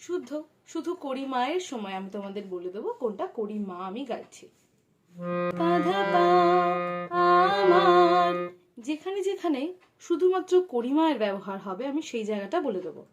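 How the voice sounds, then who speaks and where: A woman teaching a song at the harmonium, singing phrases slowly and then explaining the notes quietly and quickly. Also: fairly high pitch, very animated, over music. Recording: loud harmonium under the voice. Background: harmonium playing.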